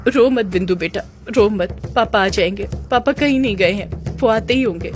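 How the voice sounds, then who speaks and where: A woman's voice: mid-range voice, normal speed, close to an everyday voice. A frantic young wife, crying and pleading in a raised, anxious voice, as a woman storyteller acts her out. She sounds close to breaking down in an audio drama. Music plays behind her. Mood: tearful, anxious. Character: distraught young wife searching for her husband. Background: background music.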